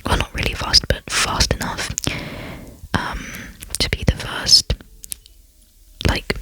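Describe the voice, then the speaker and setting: A soft, rambling voice whispering gameplay commentary for an ASMR channel. The whisper is bright and crisp, almost entirely breath with barely any voiced tone. The talk is casual and chatty, full of ums and small self-mocking asides. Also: takes it slowly, dry recording, poor audio. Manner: self-deprecating, lightly giggly asides. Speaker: ASMR gaming channel host.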